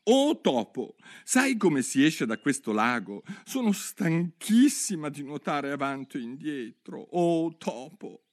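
A man's voice: on the high side, big pitch swings, a little slow, few pauses, pitched above the performer's own voice. A man reading a storybook aloud, voicing a curious, polite young girl who rambles eagerly. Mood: chatty.

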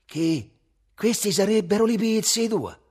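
Man voicing a young man, sour, sneering, high retorts, husky. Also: lively intonation, unhurried, a little mellow, full character voice. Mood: scornful.

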